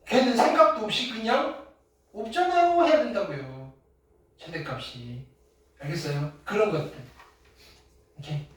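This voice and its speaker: Teacher lecturing a class, very animated, loud bursts then low asides; recorded far off in a booming room. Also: normal speed, pauses often, very echoey. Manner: emphatic, keeps asking "됐나요?" and "알겠어요?". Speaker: high school math teacher.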